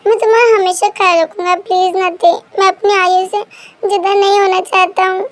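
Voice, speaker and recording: A woman's voice: very high-pitched, little pitch movement, fairly quick. A woman voicing a pleading young man in love in a Hindi fan-fiction story, begging and repeating please.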